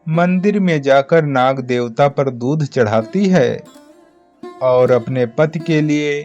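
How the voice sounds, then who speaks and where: A man narrating a cartoon story in a measured, plain storytelling manner. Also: medium pitch, a little mellow, highs cut off. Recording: echoey, distant, music under.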